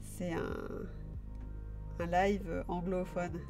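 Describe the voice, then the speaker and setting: A woman's voice: fairly low pitch, little pitch movement, extremely slow, a little mellow, faint music behind. A young woman from France hosting a live stream, chatting loosely with viewers, full of fillers and restarts. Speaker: livestream host. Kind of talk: casual live chat with viewers.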